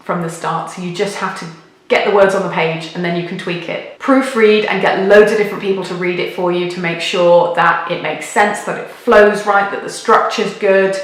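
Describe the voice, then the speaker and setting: Big echo, bare room, British woman, slightly low voice, emphatic, encouraging, advice vlog delivery. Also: fairly even intonation, normal speed. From United Kingdom. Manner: emphatic, encouraging, repeats key words for stress. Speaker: video host, midwifery adviser. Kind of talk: direct-to-viewer advice video. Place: echoey, sparsely furnished room in a house. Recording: big echoey hall-like room sound.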